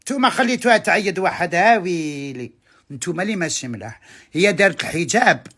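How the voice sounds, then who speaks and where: A woman with an Algerian Arabic accent, ranting angrily to her followers and scolding them, with sudden shouted outbursts. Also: fairly low pitch, animated, quick pace, husky. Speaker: social media commentator. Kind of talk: heated direct-to-camera rant.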